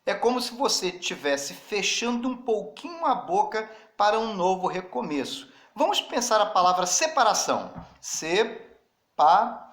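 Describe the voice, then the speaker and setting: Man, teacher, slightly high voice, unhurried, spells things out, echoey room. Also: very animated, fairly bright tone. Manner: slow and deliberate, spells out letters, addresses students directly. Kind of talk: classroom grammar lesson. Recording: roomy echo.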